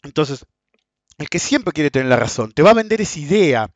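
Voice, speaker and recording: A man's voice: on the high side, sing-song, moderate pace, no echo. A man in his forties with an Argentine accent, ranting bluntly and sarcastically to his followers about markets, with plenty of swearing. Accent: Argentine Rioplatense Spanish. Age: 40s. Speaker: finance commentator. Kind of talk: casual rant to followers. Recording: dull, dry, lo-fi sound.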